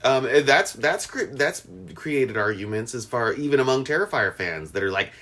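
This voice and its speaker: Lively rambling male podcast host. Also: moderate pace. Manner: rambling, many fillers and restarts, lively pitch. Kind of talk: casual chat.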